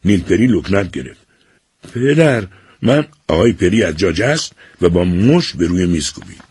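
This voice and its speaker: A male narrator reading a story in measured, expressive tones, his low voice husky and rough. The recording is dry and close, with lively pitch movement. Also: dry recording. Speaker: audiobook narrator. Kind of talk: scripted narration.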